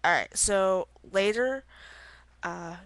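Late at night in her bedroom, a young woman rambles into her laptop webcam for a casual video diary, giggling, yawning and sounding sleepy. She speaks slowly in a medium-pitched, slightly bright voice, packed with filler words, with no room sound.

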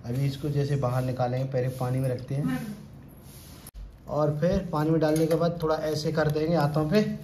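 This man in his thirties has a fairly high, warm voice and speaks at a moderate pace. As a cooking vlogger, he gives a chatty, casual home cooking demo to viewers he addresses as friends, filmed close on a phone in a roomy tiled kitchen with faint noise in the background.

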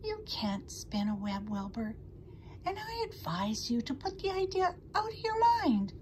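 A woman voicing a wise, patient female spider in a storybook reading, calm and measured. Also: a little high, slight background noise. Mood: gentle.

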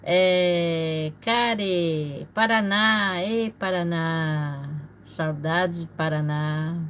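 A woman's voice: fairly low pitch, fairly bright tone, a little hiss or hum, low-quality recording. A woman in her forties from Brazil, hosting a casual livestream from a room at home and greeting viewers one by one with small laughs. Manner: slow, chatty, greets viewers by name with frequent small laughs. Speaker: livestream host. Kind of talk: casual live chat reading viewer comments. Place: indoor home room with a fish tank.

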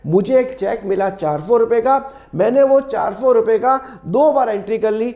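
A man with a sore, hoarse throat teaching an accounts lesson, asking and answering his own questions and repeating key phrases. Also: high-pitched, moderate pace, warm tone, reverberant. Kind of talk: classroom-style lesson explanation.

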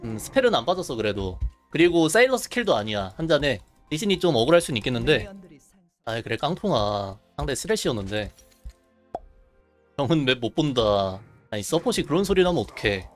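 A man's voice: mid-range voice, very animated, brisk, soft background music. Chatty man streaming a game. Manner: chatty, laughing, reads chat aloud. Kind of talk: live game streaming commentary.

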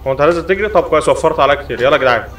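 Brief: young egyptian guy doing rapid-fire, joking gameplay commentary in a slightly high voice. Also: soft background music. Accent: Egyptian Arabic. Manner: joking, excitable, talks back to the game. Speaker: gaming YouTuber.

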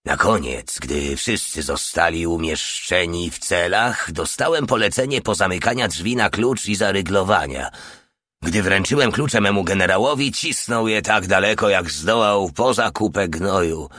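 A man's voice: low voice, lively intonation, moderate pace, sharp tone, no echo. A man narrating a first-person war audiobook with a dry, wry delivery.

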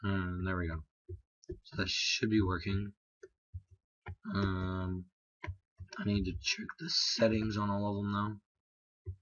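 Hoarse young man muttering gameplay commentary. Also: lowish voice, little pitch movement, a bit bright, no room sound, lo-fi sound. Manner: halting, muttering, many ums. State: hoarse, voice strained. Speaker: let's play host.

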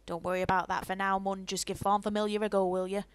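A woman's voice: mid-range voice, level tone, fast, soft background music, close to an everyday voice. A woman voicing a cheeky little male fairy creature, reading game dialogue in a playful, colloquial way. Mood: breezy, encouraging.

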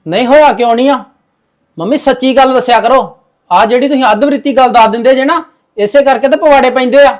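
A man's voice: extremely high pitch, fast. A man playing a touchy, stubborn younger son in a family drama, arguing and sulking. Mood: sullen. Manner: argumentative, sulky. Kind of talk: Punjabi family drama acting.

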